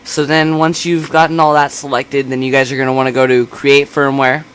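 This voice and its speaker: A man giving a casual software tutorial in a quiet, understated voice, kept a little back from the microphone. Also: medium pitch, little pitch movement, brisk, clear, resonant tone. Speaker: tutorial host. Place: indoors at a computer. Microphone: separate microphone, not held close. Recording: noisy room hum, quiet separate mic.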